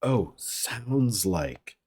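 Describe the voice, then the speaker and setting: A man's voice: mid-range voice, very animated, very slow, a little mellow, slightly rough, pitched above the performer's own voice, heavily acted. Carrot, a man doing an earnest young watchman. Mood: eager guessing. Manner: eager, puzzled guessing. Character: earnest simple young male watchman guessing charades.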